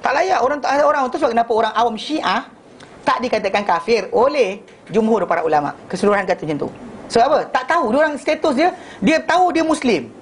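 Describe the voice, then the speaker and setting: A man teaching an informal religious class, telling animated stories and acting out dialogue, with many restarts and English phrases mixed in. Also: very high-pitched, fast, a little hiss or hum.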